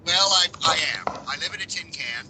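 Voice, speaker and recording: A man's voice: fairly high pitch, expressive, brisk, crowd noise. A man joining a casual chat online, joking and laughing easily, his voice tinny as if talking inside a tin can through a poor microphone. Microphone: poor computer microphone over an online call.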